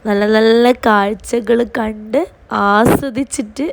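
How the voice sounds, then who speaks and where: A woman's voice: on the high side, steady tone, takes it slowly. A woman chats casually as a travel vlogger, mixing English words into her Malayalam. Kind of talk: casual travel vlog chat. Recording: very noisy, windy vehicle ambience.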